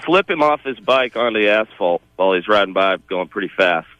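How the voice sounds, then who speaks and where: A man calling in to a radio show, telling a childhood story with animated, laughing delivery. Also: fairly low pitch, fairly quick, no room sound, lo-fi sound. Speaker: caller. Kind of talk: phoned-in storytelling.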